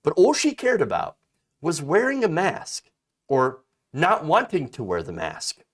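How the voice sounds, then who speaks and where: A man in his thirties delivers political commentary in a slightly high voice that swings widely up and down. He talks emphatically, reading a story aloud and breaking in with his own remarks, fillers and restarts. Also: huge pitch swings, unhurried. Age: 30s.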